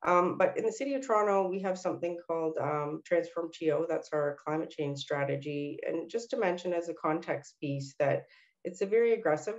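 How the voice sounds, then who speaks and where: A woman's voice: deep voice, lo-fi sound. Nasal-sounding woman hosting a webinar. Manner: frequent ums and uhs, asks for next slides. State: recovering from illness, nasal. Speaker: senior city policy planner hosting a workshop. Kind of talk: webinar presentation.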